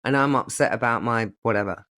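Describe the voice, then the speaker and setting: A man's voice: mid-range voice, a little fast, sharp tone. A man co-hosting a casual podcast chat, wry and philosophical, with self-mocking asides. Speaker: podcast co-host.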